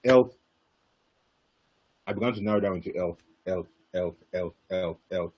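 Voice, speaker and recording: A young man telling his story as a webinar guest speaker, animated and repetitive, bursting into laughter. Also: low voice, a little slow, husky. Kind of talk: casual webinar talk. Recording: dull lo-fi webinar audio.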